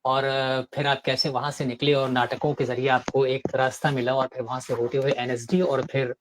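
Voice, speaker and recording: A man poses a long, carefully framed question to the guest. He speaks in a measured way at an ordinary pitch, with small hesitations along the way. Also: flat delivery, background noise. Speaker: interviewer. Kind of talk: formal interview question.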